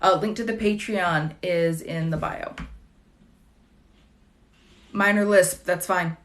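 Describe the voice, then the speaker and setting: A woman's voice: fairly low pitch, slow. A woman in her late thirties chatting casually on a livestream, wry and digressive with dry jokes, answering viewer questions between fillers and restarts. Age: late 30s.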